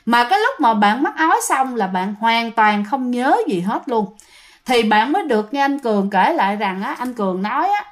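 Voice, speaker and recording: A woman with a Southern Vietnamese accent and a voice on the high side tells a ghost story. She's chatty and often speaks directly to her listeners.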